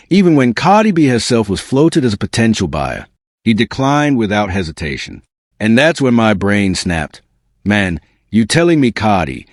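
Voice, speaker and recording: Male gossip host, slightly low voice, very animated; smug, sarcastic exposé narration with street slang. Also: dry recording, clean studio sound. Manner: colloquial hip-hop slang. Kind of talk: scripted narration, celebrity exposé commentary.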